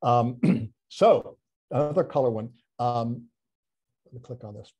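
A man with a husky, mellow voice talks through a presentation over a video call. His delivery is chatty and self-deprecating, full of restarts and little fillers as he thinks aloud. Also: mid-range voice, a little slow, dull audio. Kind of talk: casual online talk presentation.

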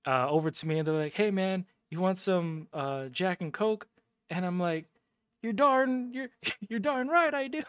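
A man's voice: medium pitch, a bit bright, clear, resonant tone, dry recording, clean studio sound. A man telling a loose, profane story on a casual gaming livestream, chuckling and sipping a drink as he goes. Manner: sips a drink between lines. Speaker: gaming streamer.

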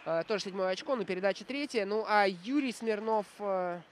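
High-voiced man giving reflective hockey commentary. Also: fairly quick, slight background noise. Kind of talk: live play-by-play commentary with analysis.

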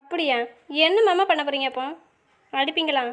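A woman's voice: sits high, brisk, fairly bright tone. A woman in a romantic audio drama, answering back in a stubborn, pouting, playful way.

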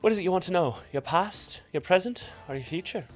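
A man's voice: sits high, lively intonation, pitched above the performer's own voice. Man voicing a mysterious elven fortune teller woman. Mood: portentous. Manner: fortune-teller patter, slow portentous card reading. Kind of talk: tabletop role-play. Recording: music playing behind the voice.

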